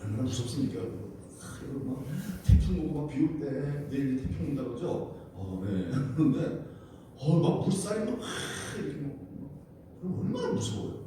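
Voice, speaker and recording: A man preaching in a church with a mellow, dark voice that swings widely up and down. He keeps questioning his congregation and tells the story with animated energy. The sound is very echoey and comes from a distant mic, with a faint hiss underneath. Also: mid-range voice, moderate pace. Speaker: pastor. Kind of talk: wednesday prayer service sermon. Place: church sanctuary.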